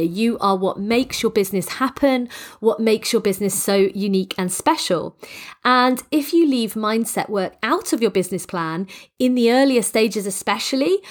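A woman hosting a solo coaching podcast in an earnest, emphatic way, with a congested, slightly croaky, stuffy-nosed voice. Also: fairly high pitch. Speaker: podcast host and business coach.

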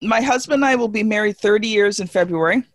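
A woman's voice: medium pitch, fast, dry recording. A woman in her forties talking on a video call in a casual panel chat, emphatic, folksy and self-deprecating. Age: 40s.

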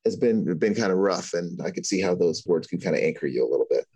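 A man hosting a podcast interview, asking questions in a relaxed, encouraging way. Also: sits low, fast talker, slightly rough, dry recording. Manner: relaxed, encouraging, many fillers. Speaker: podcast host.

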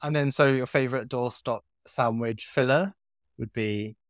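A woman's voice: a bass voice, normal speed, no room sound, studio quality. A woman co-hosting a podcast, chatting casually in a playful, informal way. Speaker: podcast co-host. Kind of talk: casual chat.

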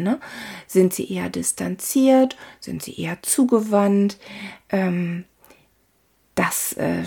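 A woman teaching a calm spoken lesson on body language, talking straight to the listener with frequent tag questions and fillers. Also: medium pitch, gravelly, breathy edge. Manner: calm, talks to the listener directly, many "ne?" tags and fillers.

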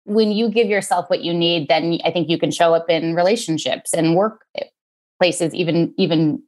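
Low-voiced woman therapist guest. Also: normal speed, a little mellow. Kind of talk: casual conversational interview.

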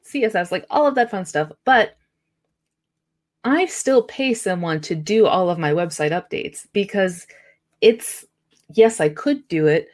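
A woman's voice: mid-range voice, animated, measured pace, darkish tone. A woman hosting a podcast, talking in a conversational way and affirming her guest. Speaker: podcast host. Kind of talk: casual podcast interview.

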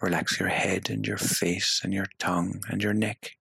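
Man, meditation guide, deep voice, husky, unhurried, soothing hypnotic delivery. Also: flat delivery, pushed and bright, dry recording. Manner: slow, soothing and hypnotic, with long pauses.

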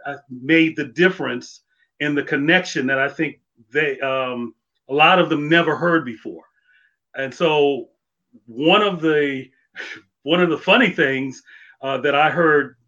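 Ex police guy reminiscing, kinda high voice, lots of uhs, muffled lo-fi audio. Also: bright, forceful tone. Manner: reflective, full of fillers and restarts. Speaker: former police officer guest. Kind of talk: casual conversation.

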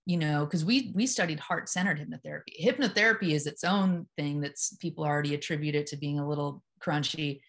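Calm and deliberate, a low-voiced woman keeps a steady pace as the guest in a relaxed interview. She hails from Memphis in the US South and practices hypnotherapy at a psych hospital.

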